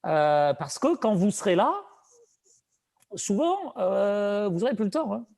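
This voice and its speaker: A man speaking with a marked Saint-Étienne French accent in a fairly high voice. He talks in a loose, conversational way as a business broker. He explains things earnestly and hands out practical advice. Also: big pitch swings, measured pace, vocal fry, darkish tone. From France. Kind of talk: casual conversation.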